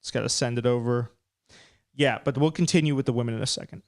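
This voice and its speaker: A man's voice: medium pitch, quick pace, a little mellow. A man hosting a live stream, chatting casually and rambling as he breaks down fights. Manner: chatty, rambling, self-deprecating.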